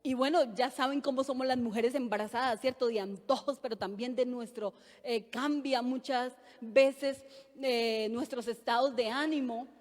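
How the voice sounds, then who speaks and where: A woman's voice: on the high side, steady tone, moderate pace. A woman in her thirties preaching a sermon, giving an earnest personal testimony and building to fervent emphasis. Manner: earnest testimony, addresses listeners as brothers, rises to fervent emphasis. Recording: long hall reverb.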